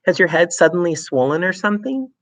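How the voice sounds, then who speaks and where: A man's voice: high voice, animated, brisk, fairly bright tone, dry recording, voice pushed up. A man voicing a clever, cheeky little girl who speaks with sweet innocence. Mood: sly innocence.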